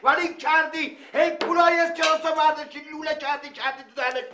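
A man's voice: extremely high pitch, level tone, roomy sound, slight background noise. A furious bitter father. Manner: shouting, reproachful. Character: furious middle-aged father, bitter and blaming.

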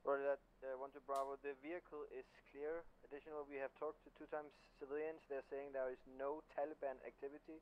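Male squad leader, flat clipped radio reports, heard over a dull walkie-talkie link. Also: mid-range voice, fast talker, few pauses. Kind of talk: military radio procedure in a game. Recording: muffled, noisy walkie-talkie transmission.

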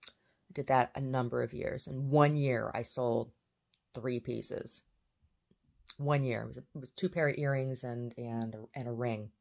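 A woman's voice: extremely low pitch, steady tone, measured pace, vocal fry, a little mellow. A woman vlogging in a casual, rambling way, often trailing off and restarting her sentences.

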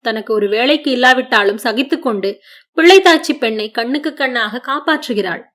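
A woman reads a short story aloud as an audiobook narrator, with a fairly high voice. Her delivery is measured and expressive, shaping each line as scripted storytelling.

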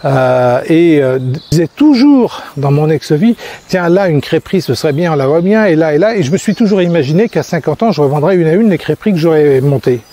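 A Frenchman in his sixties who trains people in crêpe-making rambles casually into a phone held at arm's length, selfie-style, as he walks through a park. His mellow voice sits on the high side and is expressive and a little fast. The vlog monologue is full of fillers and restarts.

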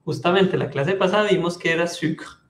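A man teaching a French class in Spanish, slowly repeating words and switching between languages while calling on students by name. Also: high voice, fairly bright tone, reverberant. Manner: slow, patient, repeats words to drill pronunciation.

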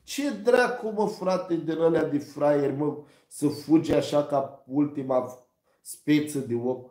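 Swearing storyteller man, roomy echo. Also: a little high. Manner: rough slangy talk with frequent swearing, animated quoting of others. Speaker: vlogger telling stories on a live stream. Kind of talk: casual storytelling.

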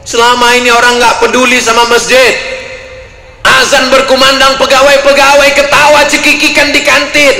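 A man from Riau, Sumatra, preaching a lively sermon to a crowd. He jokes, acts out quoted voices and breaks into sudden shouts. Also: extremely high pitch, moderate pace. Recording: echoey hall with long reverb, faint noise.

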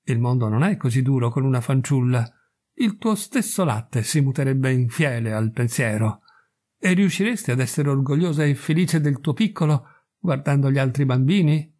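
A man voicing a stern, persuasive priest who speaks gravely, in a read storybook. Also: medium pitch, expressive, normal speed, darkish tone, lightly acted. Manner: grave, solemn.

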